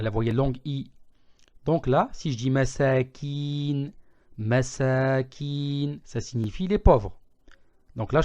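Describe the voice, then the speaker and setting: A man giving an online language lesson, patiently repeating words slowly to contrast their sounds. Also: medium pitch, mellow. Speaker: Arabic teacher. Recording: slightly dull lo-fi audio.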